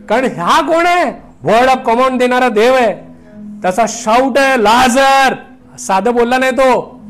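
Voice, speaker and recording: A man preaching a sermon as pastor, with rising shouts and some English phrases mixed in. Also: high-pitched.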